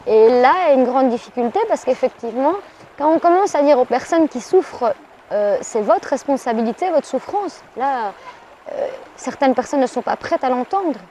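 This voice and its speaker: Soft-toned woman, reflective and hesitant. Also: sits high, expressive, a little hiss or hum. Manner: hesitant, with frequent pauses and fillers. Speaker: guest, life coach and author. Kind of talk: reflective interview answers.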